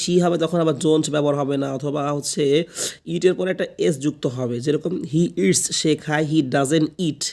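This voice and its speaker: Man, Bengali accent, English teacher, slightly high voice, gravelly, chanted drills. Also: darkish tone. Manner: repeats words in chanted drills, asks and answers his own questions. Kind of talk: classroom lesson with drilled repetition.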